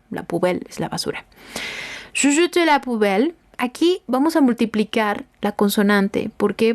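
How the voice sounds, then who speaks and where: A woman teaching French grammar as a language lesson, explaining slowly and carefully and repeating example sentences. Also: medium pitch, a little mellow. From Mexico.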